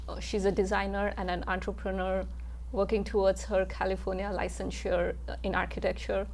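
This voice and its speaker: A woman's voice: mid-range voice, level tone, a little fast, vocal fry. Eager woman host with faint background noise. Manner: friendly, eager, hesitant fillers. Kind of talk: interview.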